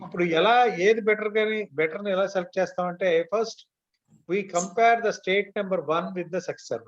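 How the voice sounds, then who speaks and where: Fast, high-voiced Telugu-accented male teacher. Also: steady tone. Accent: Telugu Indian. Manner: repeatedly checks that students follow; mixes Telugu and English. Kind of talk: online class lecture, explaining step by step. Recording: dull, lo-fi online class audio.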